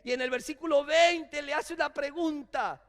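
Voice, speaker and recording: High-voiced preacher in a reverberant church. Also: male voice, steady tone, normal speed. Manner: swings from hushed lows to shouted calls. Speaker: pastor. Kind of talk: sermon. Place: church sanctuary.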